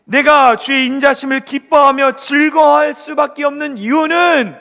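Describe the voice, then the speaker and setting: A pastor in his thirties delivering an animated Friday prayer sermon, leading the congregation in call-and-response. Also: extremely high pitch, moderate pace. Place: church sanctuary. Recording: long hall reverb.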